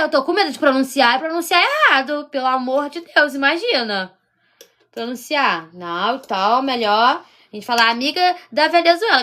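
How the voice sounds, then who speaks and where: A woman's voice: high voice, sharp tone. A woman with a Carioca accent from Rio de Janeiro, leading a live-streamed baking demonstration and chatting with viewers as she works. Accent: Carioca Portuguese. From Rio de Janeiro, Brazil. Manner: chatty, keeps checking in with viewers. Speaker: baking instructor.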